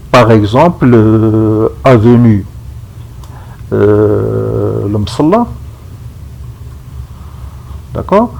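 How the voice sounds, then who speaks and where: A man talks through a screen-recorded computer tutorial, slowly and patiently, often stopping to ask if viewers are following. His voice is somewhat husky and lively in pitch, recorded on a computer microphone. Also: rough recording. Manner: slow, step-by-step, checks in with "d'accord?". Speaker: instructor.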